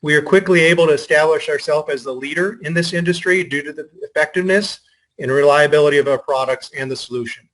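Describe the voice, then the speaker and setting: A man giving a formal prepared statement as a company representative, measured and assertive. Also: on the high side, a bit bright, poor audio.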